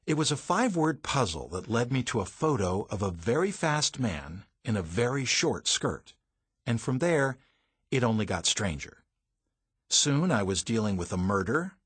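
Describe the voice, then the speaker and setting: A man's voice: mid-range voice, fairly bright tone, breathy edge, no room sound. A man reading a first-person audiobook, telling the story in a dramatic, vivid way. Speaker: audiobook narrator.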